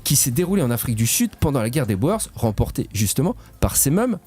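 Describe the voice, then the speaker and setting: Lively man hosting a radio quiz. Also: mid-range voice, brisk, slightly rough. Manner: lively, joking, stretches key words. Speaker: quiz host. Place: radio studio.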